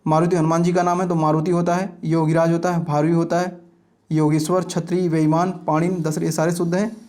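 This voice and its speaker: A man with a fairly high voice teaching an exam-prep grammar lecture. He reads out example words in steady lists and often pauses to check that his students are following.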